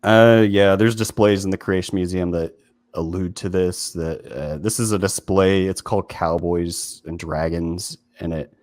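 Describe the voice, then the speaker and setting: A man's voice: deep voice, steady tone, measured pace, darkish tone, no room sound. A man hosting a video essay in casual commentary, talking informally with lots of fillers and restarts.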